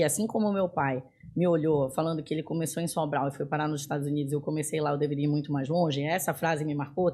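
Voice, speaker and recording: A woman in her forties from northern Brazil, a guest in a casual interview, talking in an animated way with frequent fillers and restarts. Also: low-pitched, husky. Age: 40s. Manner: animated, laughs often, many fillers and restarts. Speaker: podcast guest.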